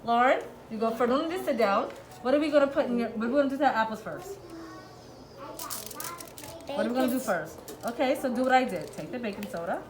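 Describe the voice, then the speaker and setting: A woman leads young children through a hands-on demonstration, using short, repeated instructions and cheerful praise. Her voice is on the high side and quick, with frequent pauses, and the classroom sounds reverberant with a group of children chattering around her.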